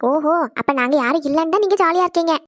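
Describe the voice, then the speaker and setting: A woman voicing a chatty young wife in a cartoon, scolding a little and talking fast. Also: very high voice, no room sound, studio quality. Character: young wife missing her husband. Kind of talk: animated cartoon voice acting.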